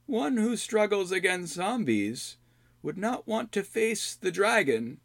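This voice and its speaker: A man voicing a gaunt old male hermit who chides slowly in a high, quavering voice. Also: expressive, gravelly, a bit bright, no room sound, full character voice. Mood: chiding. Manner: slow, drawn-out, high quavering delivery. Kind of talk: audiobook character voice.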